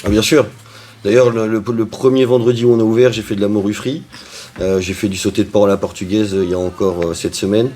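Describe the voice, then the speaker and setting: A man's voice: lowish voice, fairly even intonation, fast talker, dark tone, slight background noise. A man who owns and cooks at a restaurant, answering interview questions in a chatty way with frequent hesitations. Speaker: restaurant owner and cook.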